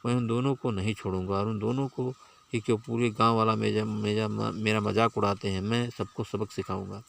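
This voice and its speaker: A man's voice: lowish voice, flat delivery, fairly quick, vocal fry, a little hiss or hum. A man voicing a skinny village barber who grows furious and threatens his tormentors. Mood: angry. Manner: angry muttering, threatening. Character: skinny timid village barber turned enraged strongman.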